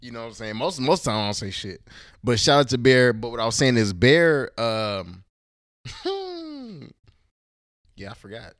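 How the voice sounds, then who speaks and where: A man's voice: medium pitch, very animated, moderate pace, long pauses, fairly bright tone. A man from Houston, a podcast guest talking in a loose, slangy, profane way, often trailing off and searching for words. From Houston, Texas. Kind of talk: casual podcast conversation.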